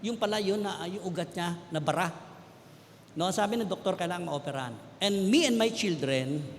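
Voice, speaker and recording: High-voiced Filipino preacher in an echoey hall. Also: male voice, normal speed. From Philippines. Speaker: preacher giving testimony. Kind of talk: sermon testimony. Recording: echoey hall with faint background noise.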